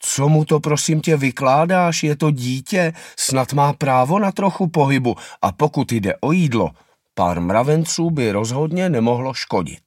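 A man's voice: mid-range voice, lively intonation, a little mellow, no room sound, studio quality, pitched above the performer's own voice, natural voice. A man voicing a worried, caring mother anteater in a children's storybook reading. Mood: pleading. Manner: fretful, pleading.

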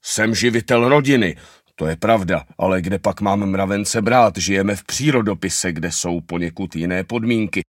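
A man's voice: deep voice, no room sound, clean studio sound. A man voicing a stern, self-important father anteater who lectures and blusters in a children's storybook reading. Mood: blustering.

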